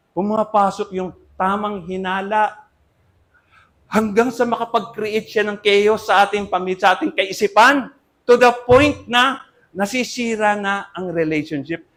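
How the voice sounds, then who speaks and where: An older man, a Filipino pastor, preaching earnestly in Tagalog-accented English and Tagalog, swinging from loud emphasis to soft asides. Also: sits high. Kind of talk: sermon.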